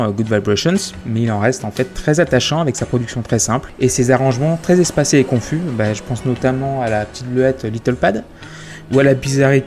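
A man's voice: medium pitch, a little mellow. A man hosting a casual music chronicle, talking with frequent fillers and restarts. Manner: hesitant, many fillers and restarts. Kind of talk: casual spoken music review. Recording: music playing behind the voice.

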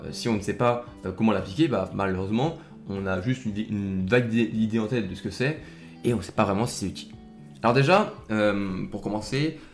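A young man hosting his own podcast, chatting casually and rambling with lots of fillers and restarts while addressing the listener directly. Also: lowish voice. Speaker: podcast host. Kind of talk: casual solo podcast talk.

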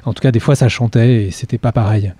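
A man's voice: mid-range voice, fairly even intonation, fast talker, dark tone, slightly rough, no room sound. A man speaking as a guest on a radio talk show, reflective and wandering, with many fillers. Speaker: guest, cinema programmer.

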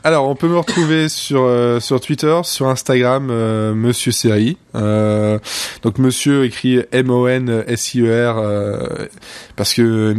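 A man's voice: medium pitch, steady tone, a little slow, darkish tone, clean tone, no echo. Man, podcast guest, dry close sound, casual, hesitant fillers.

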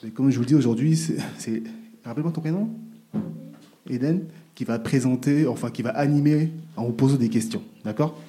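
A soft-spoken man hosts a casual podcast chat. His voice is dark and mellow, with an easygoing, encouraging delivery and a medium pitch. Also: a little fast, faint music behind. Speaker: podcast host.

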